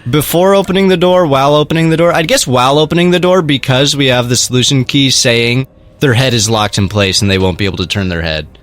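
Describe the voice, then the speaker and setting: Speaking quickly in a mid-range voice, this young let's play co-host and editor talks his way through a mystery game. The gameplay chat is loose and playful, full of jokes and frequent laughter.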